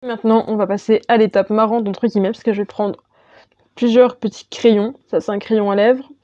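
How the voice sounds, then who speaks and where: A woman's voice: mid-range voice, fairly even intonation, normal speed, warm tone, no room sound, muffled recording. A woman talking through her makeup step by step as a beauty vlogger, chatty and casual. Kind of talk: makeup tutorial voice-over.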